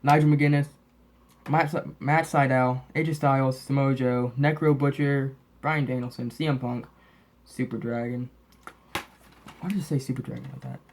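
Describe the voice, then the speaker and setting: A man hosting a wrestling DVD collection update chats casually and ramblingly as he shows off his collection. He has a lisp from braces and sounds slightly sick and sniffly, speaking briskly in a steady, mid-range voice with few pauses.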